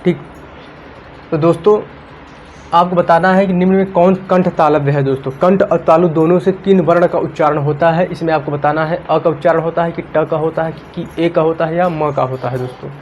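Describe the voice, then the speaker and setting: A man with a slightly high voice explains grammar questions for an exam, going over every option twice in a steady, repetitive way. The recording sounds dull and lo-fi, with a faint hiss underneath. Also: moderate pace. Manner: repetitive, addresses viewers as friends, walks through options step by step. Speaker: exam-prep teacher. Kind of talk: casual classroom explanation.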